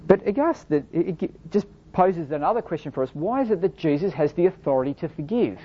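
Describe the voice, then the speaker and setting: A woman's voice: fairly low pitch, expressive, a little fast, husky. A woman preaching a sermon in an earnest, explanatory way, asking rhetorical questions and reading scripture aloud. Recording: dull lo-fi recording.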